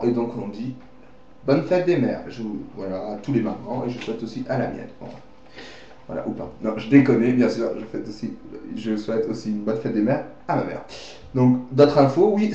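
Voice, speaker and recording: A man's voice: medium pitch, dark tone, a little hiss or hum. A man presenting a home-made mock news bulletin, rambling, joking and often correcting himself. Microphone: webcam. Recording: dull, echoey webcam recording.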